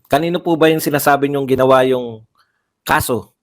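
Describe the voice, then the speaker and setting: A man's voice: mid-range voice, steady tone, brisk. A man giving heated livestream political commentary, firing off rhetorical questions and repeating phrases for emphasis.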